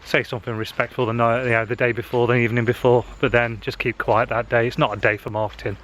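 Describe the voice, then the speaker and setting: A man's voice: mid-range voice, flat delivery, fast talker, fairly bright tone. Chatty man vlogging outdoors. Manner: chatty, with frequent "uh" fillers. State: slightly out of breath walking uphill. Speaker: social media marketing vlogger. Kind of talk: casual walking vlog. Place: outdoors on a wooded hill path. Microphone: handheld camera. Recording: faint outdoor noise.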